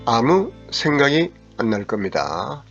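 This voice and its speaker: This middle-aged counseling psychologist has a mid-range, fairly bright voice with a sing-song lilt, and he talks a little slowly. His lecture goes step by step, now and then breaking into angry quoted remarks delivered loudly, over faint guitar music in a slightly dull recording.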